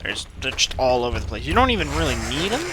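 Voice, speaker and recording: An American man hosts a let's play, tossing out casual, rambling, wry commentary on his gameplay in a sing-song, medium-pitched voice at a quick pace. The recording is very noisy, with loud video game gunfire and ambience behind him.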